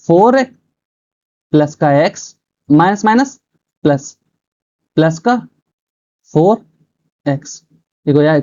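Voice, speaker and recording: A man's voice: high-pitched, dark tone. Man teaching math in a dull recording. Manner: explains step by step, asks and answers his own questions. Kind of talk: chalkboard math lesson.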